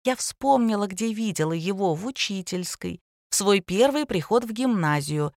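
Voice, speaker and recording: A woman narrating an audiobook in an even storytelling manner. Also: medium pitch, normal speed, no echo, clean studio sound. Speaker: audiobook reader. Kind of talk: scripted narration.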